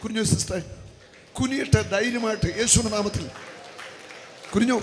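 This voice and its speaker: Brisk and high-pitched, a man runs a charismatic healing service at the altar of a church retreat hall, calling out commands and chanting repeated prayers over a loud crowd. The echoey hall carries faint noise.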